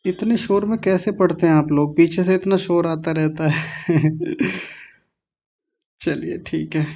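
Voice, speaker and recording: A man with a rather high voice, teaching a slow, patient online lesson in chant pronunciation. He breaks words into syllables and draws each one out, then corrects mistakes by saying the sound again. The audio is dull and lo-fi. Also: fairly even intonation, vocal fry, dark tone. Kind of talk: online class instruction.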